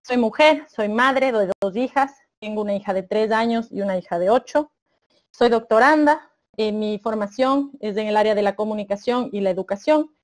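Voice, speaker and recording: A woman in her thirties from Ecuador, a doctoral student presenting her research on a video call in a measured, explanatory way with frequent hesitations. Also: medium pitch.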